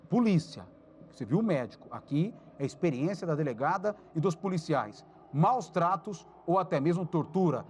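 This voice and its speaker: A Brazilian man hosts a crime news show in a fairly high voice. He talks emphatically, turning to viewers and calling out cues to his production team. A faint ambient hum runs underneath. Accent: Brazilian Portuguese. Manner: emphatic, addresses viewers and directs crew. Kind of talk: live crime news commentary.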